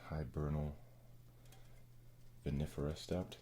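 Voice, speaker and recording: A man with an exceptionally deep, hushed voice full of gravelly creak. He rambles softly and casually as an ASMR host, halting and slangy. A faint-to-clear hiss sits behind him. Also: level tone. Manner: laid-back, halting, slangy and profane. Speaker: ASMR video creator and host. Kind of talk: soft-spoken ASMR, casual rambling chat.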